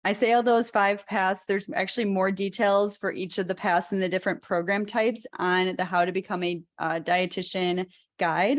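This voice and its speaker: A woman with a Chicago accent in her thirties, hosting a casual talk about becoming a dietitian, chatty with many fillers and restarts. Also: mid-range voice. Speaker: host, dietitian educator.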